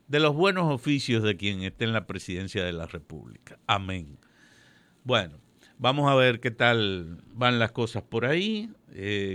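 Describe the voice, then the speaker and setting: A man giving political commentary on a radio show, measured and prone to correcting himself. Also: medium pitch, creaky, a bit bright, no echo. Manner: measured, digressive, self-correcting.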